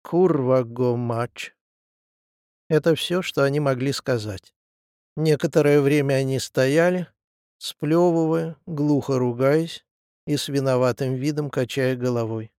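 A man narrating a book in an even, measured reading. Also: mid-range voice, clear, resonant tone, no room sound, studio quality. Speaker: audiobook narrator. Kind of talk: scripted narration.

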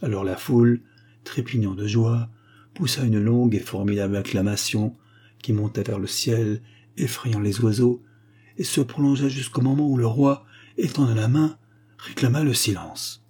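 A man narrating a literary tale in a measured, dramatic reading. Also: mid-range voice, warm tone, husky. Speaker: audiobook narrator.

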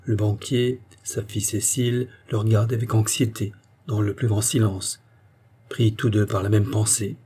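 Audiobook narrator, male, measured delivery, husky timbre. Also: fairly low pitch, flat delivery, mellow. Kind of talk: scripted narration.

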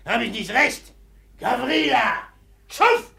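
An actor playing a drunk, impulsive rich man in a radio drama, boasting and shouting as he laughs. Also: extremely high pitch, animated, slow, gravelly, heavily acted.

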